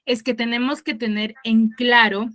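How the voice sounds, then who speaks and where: A woman's voice: fairly high pitch, fairly even intonation, normal speed, a bit bright. A woman teaching an online class, quizzing her students and explaining step by step with patience. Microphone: video call.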